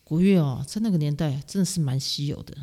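A middle-aged woman from Taiwan talks fast in a low-pitched voice with a Taiwanese Mandarin accent. As a music teacher guesting on a casual interview, she tells animated, self-mocking stories punctuated by frequent laughter.

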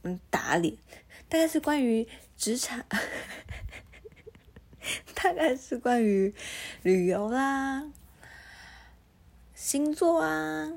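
A woman's voice: high-pitched, takes it slowly, creaky, pauses often. A woman podcast host telling stories casually and alone, with slightly slurred articulation from a mouthguard, playfully mocking herself, acting out conversations and dropping in English words. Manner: self-mocking, animated re-enacting of conversations. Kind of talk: casual solo storytelling chat.

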